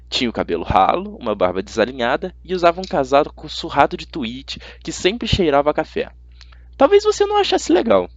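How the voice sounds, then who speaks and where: The narrator, a Brazilian-accented man, reads a first-person youth fantasy book as an amateur audiobook, keeping it expressive and conversational. His voice is on the high side. There's no echo, though the highs are cut off.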